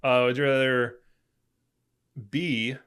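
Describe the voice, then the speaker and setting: A man's voice: medium pitch, flat delivery, slow pace, a bit bright, clean tone. Joking young man on a podcast. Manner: jokey, laughs often, trails off mid-sentence. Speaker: podcast co-host. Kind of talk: casual podcast banter.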